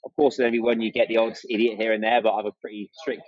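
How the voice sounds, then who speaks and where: Rapid-fire and flat in delivery, a man with a fairly low voice chats casually and enthusiastically as a guest on a podcast, acting out exchanges he remembers. He's an amateur runner and content creator, heard in dull audio.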